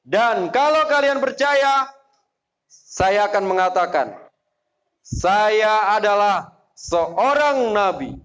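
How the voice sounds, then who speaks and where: Guy voicing an earnest prophet, raised voice, slow and pleading, dull lo-fi sound. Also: high-pitched, lively intonation, a bit bright, pitched above the performer's own voice, heavily acted. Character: earnest male prophet addressing his people.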